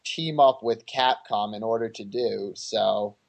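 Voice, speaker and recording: A man's voice: on the low side, a little slow, gravelly. A man co-hosting a casual gaming podcast, chatty, explaining his views. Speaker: podcast co-host. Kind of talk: casual chat.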